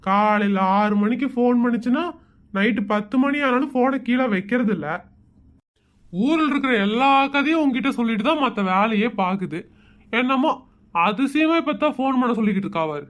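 A man's voice: extremely high pitch, moderate pace. A man who grumbles sarcastically through comic asides in a sketch. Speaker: comedy sketch performer.

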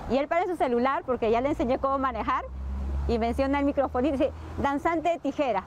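A woman's voice: high voice, fast, highs cut off, a little hiss or hum. A woman scissors dancer speaking earnestly and from the heart in an interview, recorded outdoors in a park. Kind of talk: interview testimony.

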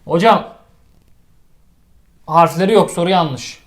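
Man doing a timid slow student. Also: a little high, voice pushed down. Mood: hesitant.

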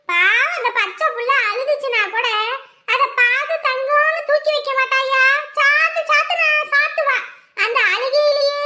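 A woman voicing a quarrelsome, loud-mouthed village woman in a family drama, scolding shrilly. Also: very high-pitched. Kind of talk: Tamil family drama acting.

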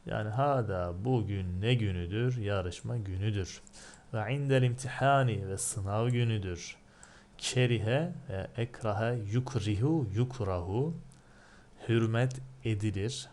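Slow, low-voiced man teaching a lesson. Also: a little mellow, slight background noise. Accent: Turkish. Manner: reads a word, then translates and explains it. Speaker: religious teacher. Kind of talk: line-by-line translation lesson.

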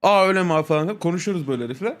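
Guy with a pretty high voice telling a story on stream, swears a lot, keeps going "he said", laughs a bunch. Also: expressive, racing. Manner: crude and profane, keeps quoting others with repeated "he said". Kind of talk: casual storytelling chat.

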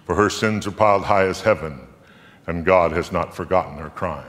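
In a reverberant theatre hall, an older man stands on stage and dramatically reads scripture aloud to a live audience, like a storyteller. He speaks with solemn, deliberate emphasis, rising from near-whispers to a booming voice, and the long echo lingers.

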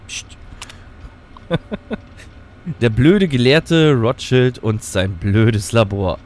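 Man, let's play gamer, reads game texts aloud, playful, slow, faint background hiss. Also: mid-range voice, darkish tone. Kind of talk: gameplay commentary, reading in-game texts aloud.

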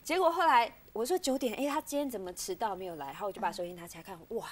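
A woman, a talk show guest, telling a dramatic story with lively energy. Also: mid-range voice, very fast, noisy background. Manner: lively, dramatic retelling, acts out quarrels. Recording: background music under the voice.

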